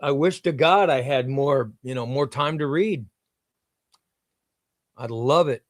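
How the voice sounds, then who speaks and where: In a clean, dry studio recording, a livestream host with a mid-range voice speaks at a measured pace. He reads out viewer comments on his casual stream, enthusing over them and frequently saying things twice.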